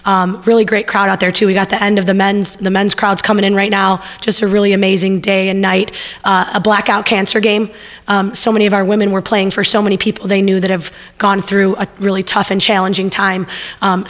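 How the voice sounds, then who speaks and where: Woman, middle-aged, basketball coach, level monotone delivery, lingering reverb. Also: mid-range voice. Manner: steady, earnest, many fillers. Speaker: head coach. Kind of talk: postgame press conference. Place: press room. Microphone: table mic. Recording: long reverb in press room.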